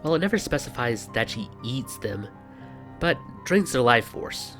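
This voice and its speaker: Sing-song and fairly bright, this man's medium-pitched voice runs at normal speed while he hosts a scripted explainer with banter. He's sarcastic and wry, with exasperated asides, and music sits in the background.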